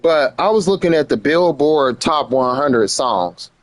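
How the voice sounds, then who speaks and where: This live streamer, an American man, sounds fairly high-pitched and animated yet speaks a little slowly. The recording is dry, and his casual commentary chat is slangy, with phrases repeated for emphasis.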